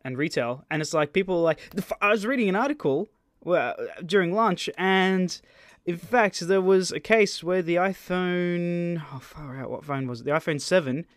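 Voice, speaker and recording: A man hosting a podcast, chatting casually with friends, animated and full of swearing. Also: high-pitched, normal speed, dry recording, studio quality. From Australia. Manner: animated, sweary, loud outbursts. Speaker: podcast host.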